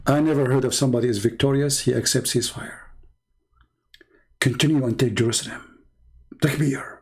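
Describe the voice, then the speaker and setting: A man's voice: medium pitch, steady tone, a little fast, gravelly, darkish tone, breathy edge, poor audio. A man from the Middle East giving a sarcastic, mocking polemical monologue as a debater, issuing challenges.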